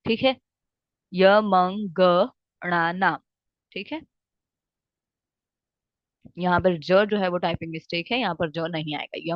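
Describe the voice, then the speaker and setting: A woman teaching a lesson, often pausing to check in with "theek hai" and reciting verses slowly. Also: fairly low pitch, no room sound. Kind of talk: explaining lesson with Hindi-English mix. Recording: dry, slightly dull recording.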